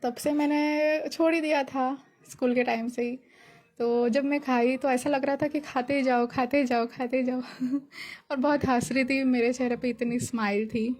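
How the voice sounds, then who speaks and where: A woman's voice: high voice, steady tone, a little slow, darkish tone. Giggly young woman sharing a devotional story. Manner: chatty, giggly, grateful. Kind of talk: casual spoken testimony.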